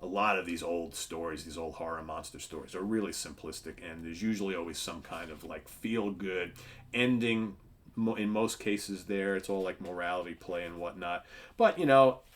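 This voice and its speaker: A man's voice: sits low, moderate pace. A man hosting a casual comic book review, retelling the plot in a chatty, sarcastic way.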